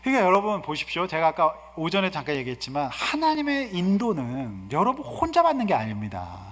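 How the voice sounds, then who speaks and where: A male guest pastor giving an animated, humorous sermon and asking the congregation questions. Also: sits high, fairly quick. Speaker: guest pastor and seminar speaker. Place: church sanctuary. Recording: reverberant church hall.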